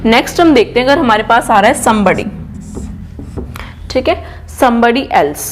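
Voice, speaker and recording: A woman English trainer with a slightly high voice, teaching grammar step by step. She asks the class questions and answers them herself. She checks after almost every point that everyone is following. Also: expressive, a little slow, soft background music. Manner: explains step by step and keeps checking with "ठीक है?".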